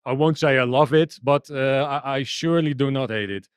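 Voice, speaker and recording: In a casual interview, a techno DJ and producer from the Netherlands speaks with a Dutch accent in a clear, resonant, mid-range voice at normal speed, with no echo. He responds hesitantly, restarting his answers many times.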